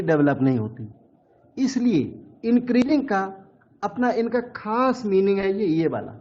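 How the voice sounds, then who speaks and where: A man's voice: high voice, darkish tone, dull audio. A man teaching a maths lecture at the board, explaining each step patiently and repeating key terms.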